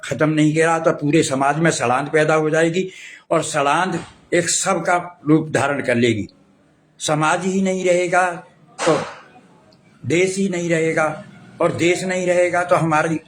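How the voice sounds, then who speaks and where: A man speaking live to his viewers, pleading and preaching with fervour, repeating himself often. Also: on the high side. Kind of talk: impassioned live appeal.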